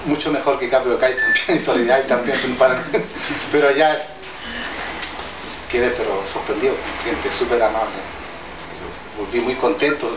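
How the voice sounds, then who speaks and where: A man far off in an echoing hall, a traditional healer from southern Chile who grew up speaking Mapudungun, gives an informal public address to an audience indoors. His medium-pitched voice stays steady in tone while he speaks haltingly, hesitantly and plainly, with many restarts. The recording is roomy, distant and noisy.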